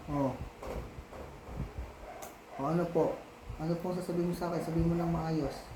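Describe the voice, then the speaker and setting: A father in a casual home video, patiently coaxing and gently scolding his young child, repeating his questions over and over. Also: fairly high pitch, steady tone, normal speed, echoey room, background noise. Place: home, indoors.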